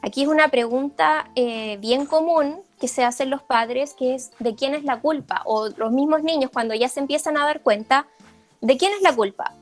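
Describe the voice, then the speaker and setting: This woman's voice sits high, with soft background music playing. Like a speech therapist at a parent workshop, she delivers an informal lecture over slides, peppered with fillers and brief check-ins.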